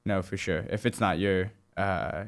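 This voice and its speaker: A man's voice: low voice, steady tone, clear, resonant tone. A man co-hosting a sports show, chiming in with agreeable interjections during casual talk. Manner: agreeable, quick interjections and frequent laughs. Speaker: co-host of a college sports show.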